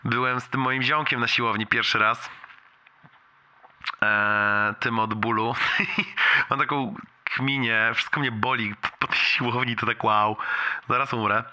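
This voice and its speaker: A man's voice: medium pitch, steady tone, unhurried, pushed and bright. A young adult man leaving a casual, confiding, slangy voicemail for a friend. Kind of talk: casual rambling personal voicemail.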